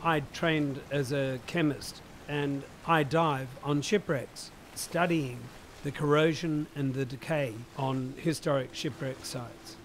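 A man's voice: fairly high pitch, fairly even intonation, slow pace, slight background noise. A man with an Australian accent, a chemist and museum director, explaining things vividly and plainly in an interview.

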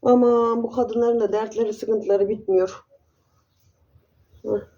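A woman's voice: on the high side, steady tone, slow, warm tone, lo-fi sound. A woman chatting casually in a vlog, affectionately calling her viewers dear ones. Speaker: vlogger.

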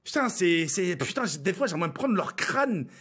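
High-voiced exasperated male streamer ranting. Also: big pitch swings, moderate pace, fairly bright tone. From France. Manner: exasperated, swearing, stammering restarts. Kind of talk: ranting live game-stream commentary.

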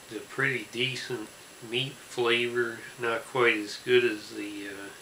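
A man reviews snacks in a slow, deadpan way. His voice is sharp and forward with a gravelly creak. He sounds recorded on a camera mic in a room, with faint hiss. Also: lowish voice, echoey room, rough recording. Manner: slow, deadpan, deliberate listing. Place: small room indoors with fabric backdrop.

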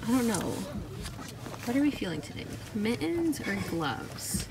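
A woman's voice: on the high side, very animated, a little slow. A woman in her twenties talking casually into a phone held at arm's length on a ski slope, chatty and self-mocking. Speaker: vlogger. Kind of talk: casual vlog chat. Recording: noisy outdoor phone audio.

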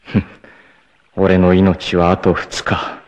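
Speaking slowly in a deep, completely flat voice, a male voice actor portrays a proud, stoic young fighter on the verge of death, 1980s TV anime style. He alternates solemn, grave pronouncements with abrupt cries of anguish. The hissy old TV audio sounds muffled.

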